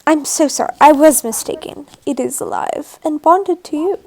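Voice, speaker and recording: A woman's voice: sits high, normal speed. A woman voicing a genteel female shopkeeper who politely calls customers "dear". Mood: sweetly polite. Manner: gentle, calls everyone dear.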